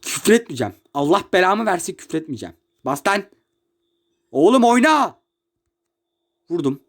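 At home, a young man with a high voice records himself playing a football game on his phone and commenting live. Expressive and fast, he rants in exasperation, shouting one moment and muttering under his breath the next, right into a close phone mic.

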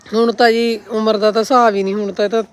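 A woman's voice: a little high, little pitch movement, fast talker. A woman of about forty, chatting casually for a home vlog in a homely, exclaiming, complaining aunty manner. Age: around forty. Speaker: vlogger. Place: outdoors in a farmhouse yard. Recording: clear background noise, outdoor ambience.

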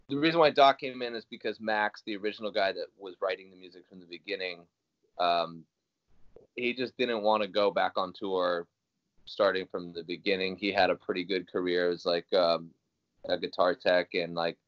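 Talking on a video call through his webcam, a guest musician from Iowa speaks casually from a small room at home, rambling with plenty of fillers and restarts. The young man's voice sits low, with no echo and the highs cut off.

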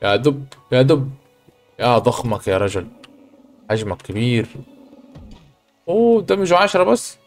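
A man, hosting a gaming channel, chatting through his gameplay and breaking into excited exclamations. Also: mid-range voice, normal speed, pauses often, faint music behind. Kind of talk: let's play commentary.

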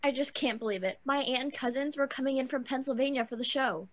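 A young woman playing a soft-spoken, let-down teen girl. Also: sits high, fast talker, lightly acted. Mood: dismayed. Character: disappointed teenage girl student.

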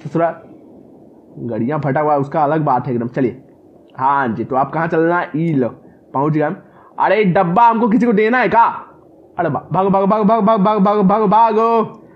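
High-voiced excitable man gaming. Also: moderate pace, long pauses, dull audio. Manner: excitable, yelps and repeats words in panic; talks back to the game characters. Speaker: gaming commentator. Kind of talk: comic horror gameplay commentary.

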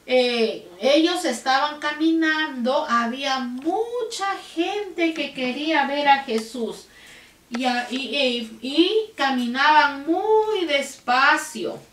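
Maestra de voz aguda y pausada, sala con eco. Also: female voice, sits high, expressive. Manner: gentle, sing-song, asks little questions. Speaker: children's Bible class teacher. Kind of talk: slow, simple storytelling for toddlers. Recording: roomy sound, a bit far from the mic, faint noise.

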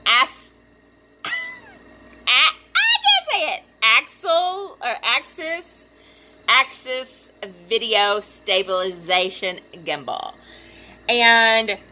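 A young woman vlogging from her room, gushing with excitement, giggling, squealing and filling her talk with "like" and "um". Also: fairly high pitch, slight background noise. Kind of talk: excited unboxing vlog. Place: home room.

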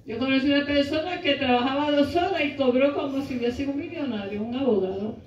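Middle-aged woman preacher, high voice, fervent, echoey church room heard from far off. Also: fast talker, slight background noise. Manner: impassioned, rises to shouts and half-sung lines. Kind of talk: sermon. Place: small church hall. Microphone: handheld mic. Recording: echoey room, camera far off, dull sound.

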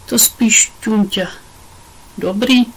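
A woman reading a storybook, voicing a lively adventurous young girl who calls out eagerly. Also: fairly high pitch, husky, low-quality recording. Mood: chatty.

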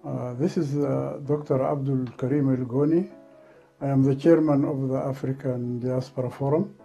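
Older man, dark husky formal voice. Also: medium pitch, fairly even intonation, normal speed, highs cut off, faint music behind. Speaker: chairman of an organization. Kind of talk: formal statement. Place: studio with patterned backdrop.

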